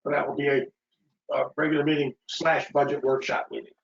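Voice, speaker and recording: A man's voice: on the high side, little pitch movement, a little fast, creaky, echoey room. A man on a village board speaking briefly and matter-of-factly in a meeting held over a video call. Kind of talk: casual meeting talk. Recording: muffled video call audio.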